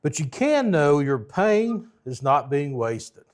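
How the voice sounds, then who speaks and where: A man's voice: fairly high pitch, sing-song, takes it slowly. A man preaching a storytelling sermon in a folksy way, with joking asides.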